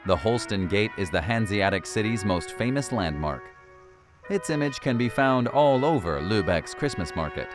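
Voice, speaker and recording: A man's voice: lowish voice, animated, normal speed. A man reading scripted narration as a voice-over for a travel documentary. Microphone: studio voice-over. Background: background music.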